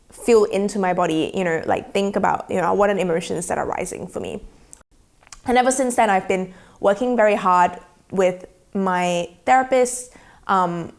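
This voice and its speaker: A woman, speaking softly and thoughtfully in a reflective documentary interview. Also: medium pitch. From Australia. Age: 20s. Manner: soft-spoken and thoughtful, slowing down on feelings. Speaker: documentary subject. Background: faint background music.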